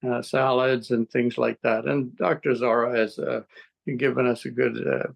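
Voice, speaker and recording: A man in his seventies giving a rambling, halting interview testimonial, with frequent restarts and chuckles. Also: medium pitch, level tone, vocal fry, low-quality recording. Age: 70s. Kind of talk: casual interview answers.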